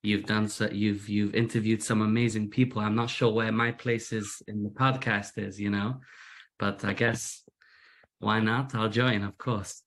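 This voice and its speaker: A musician from England, guesting in a casual interview, speaks with a Manchester accent that has gone slightly American. His voice is fairly low and fairly bright, level in tone and a little slow, and he is self-deprecating, often repeating words.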